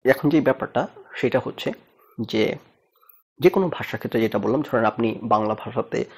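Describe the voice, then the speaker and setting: Gravelly-voiced man musing aloud. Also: mid-range voice, brisk. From Bangladesh. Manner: reflective, argues with rhetorical questions, mixes in English phrases. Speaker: host. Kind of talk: casual talk-show monologue.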